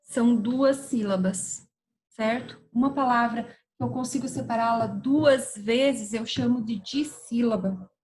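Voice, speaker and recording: Slow, patient woman teacher. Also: on the high side, darkish tone, rough recording. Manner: patient, spelling words out slowly with frequent "tá?" and "certo?" checks. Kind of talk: classroom grammar lesson.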